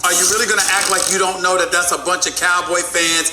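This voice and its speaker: A man's voice: high-pitched, little pitch movement, fast, bright, forceful tone, reverberant. A man arguing as a sports commentator, emphatic and repeating himself to press his point. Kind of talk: heated sports debate.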